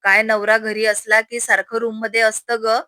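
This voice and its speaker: A woman voicing a scheming older aunt who scolds and bosses the household in a sharp-tongued way. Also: a little high, little pitch movement, normal speed, no echo. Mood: teasing, bossy. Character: scheming older aunt, fond of her nephew.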